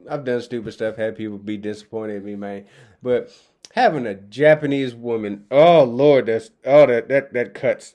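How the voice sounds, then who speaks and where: A man's voice: medium pitch, darkish tone. A man chatting casually to his viewers from his kitchen, talking into a laptop mic in a loose, slangy, rambling way with lots of fillers. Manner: laid-back, slangy, rambling with many fillers. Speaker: vlogger. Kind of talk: casual chat to camera. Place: home kitchen. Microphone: laptop microphone.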